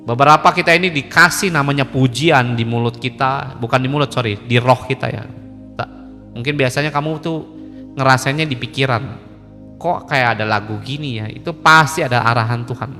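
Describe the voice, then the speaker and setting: A man preaching a loose, conversational sermon, joking and acting out little dialogues as he goes. His voice is bright and sharp. It rings with a long hall reverb over faint music behind him. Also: medium pitch. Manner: colloquial, joking, acts out dialogues. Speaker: pastor. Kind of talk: informal sermon.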